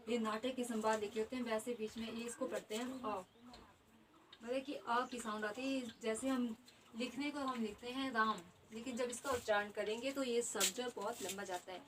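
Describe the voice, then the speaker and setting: A woman's voice: a little high, distant mic, a little hiss or hum, poor audio. A woman teaching an exam-prep grammar lesson, explaining each term twice and repeating definitions.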